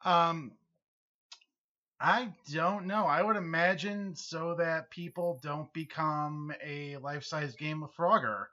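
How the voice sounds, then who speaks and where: Bright-voiced American man, wry podcast banter. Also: a little high, steady tone, takes it slowly, highs cut off. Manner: wry, self-deprecating. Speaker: podcast co-host. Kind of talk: casual comedic podcast chat.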